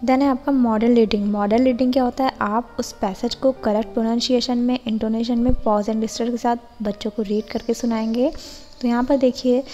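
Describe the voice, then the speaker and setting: A woman with an Indian accent explaining a lesson plan step by step, reading English example lines slowly and carefully. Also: on the high side, steady tone, mellow. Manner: reads quoted English lines very slowly and deliberately. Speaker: teacher-training tutor. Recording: muffled with long reverb, music behind.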